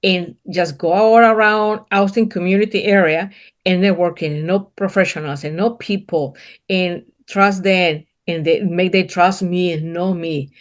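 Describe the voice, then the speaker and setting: A middle-aged Colombian woman who owns a painting business is interviewed in a casual conversation, speaking English as a non-native speaker whose first language is Spanish. Her voice is lowish, fairly even in intonation and unhurried. With a thick Colombian accent, she talks earnestly in broken English and often repeats words.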